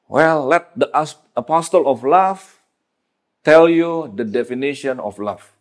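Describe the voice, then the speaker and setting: A man preaching a sermon, switching between casual slang and English and rising to loud emphatic peaks. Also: on the high side, animated, slow pace.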